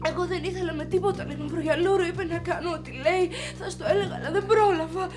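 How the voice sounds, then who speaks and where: An actress playing a tearful, apologetic ship receptionist in a television sitcom. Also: female voice, extremely high pitch, over music.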